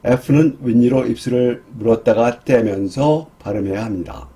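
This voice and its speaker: A male teacher explaining English month names to beginners, saying each word slowly and clearly for students to repeat. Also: medium pitch, dark tone. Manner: drills English words slowly, one at a time. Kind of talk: slow, careful teaching for beginners.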